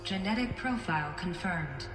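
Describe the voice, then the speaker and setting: A woman's voice: lowish voice, animated, normal speed, a bit bright. A woman voicing a malfunctioning security computer in a video game, speaking in clipped, formal system announcements. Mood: robotic. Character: malfunctioning female security computer of an old facility. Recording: echoey game audio with music.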